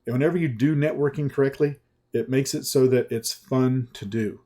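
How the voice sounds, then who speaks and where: Mellow and unhurried, this sales coach with a Southern US accent gives a folksy webinar pitch. His talk is slow and conversational, with occasional restarts.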